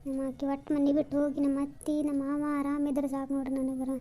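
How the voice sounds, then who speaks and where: A woman's voice: sits high, completely flat delivery, mellow, close to an everyday voice. A woman with a North Karnataka accent voicing a chatty, bossy village woman in a cartoon comedy. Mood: confiding. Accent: North Karnataka Kannada. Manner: brisk, bossy, reassuring. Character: chatty village woman consoling her friend.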